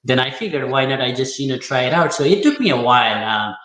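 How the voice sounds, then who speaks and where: Bright-voiced man from Nepal, echoey room. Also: medium pitch, very animated, fast talker. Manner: hesitant, lots of fillers and restarts. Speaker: guest, accountant. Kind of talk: casual interview talk.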